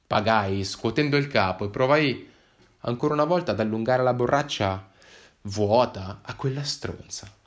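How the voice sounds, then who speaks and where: A man narrating a first-person story in a wry, measured, expressive way. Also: mid-range voice.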